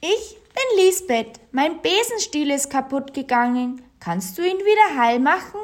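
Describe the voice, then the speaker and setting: A woman voicing a small, eager girl witch from a storybook who talks high and breathless. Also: animated, unhurried. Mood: pleading.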